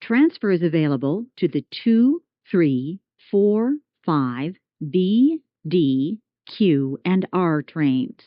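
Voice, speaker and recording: A woman's recorded train announcements, spliced together word by word, measured and evenly enunciated, heard over a tinny loudspeaker. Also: lowish voice, animated, no room sound. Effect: spliced together recorded words. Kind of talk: automated transit announcements. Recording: tinny, phone-like, dry onboard loudspeaker recording.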